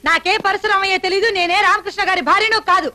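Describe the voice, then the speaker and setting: An actress playing a fiery wife who teaches dance, speaking sharply in a film. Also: female voice, extremely high pitch, fairly even intonation, fast, pushed and bright. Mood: indignant. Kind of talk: Telugu film acting.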